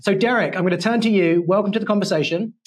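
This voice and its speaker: A man's voice: high-pitched, fast. Polished London man hosting a podcast. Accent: London English. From England. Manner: polished, playful, wordy. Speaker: podcast host. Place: studio.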